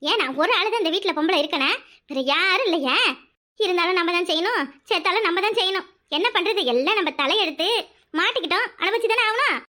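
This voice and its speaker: A woman voicing a put-upon village daughter-in-law in a cartoon, complaining and sharp-tongued, with a Kanyakumari Tamil accent. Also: very high voice, quick pace. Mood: grumbling. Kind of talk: cartoon voice acting.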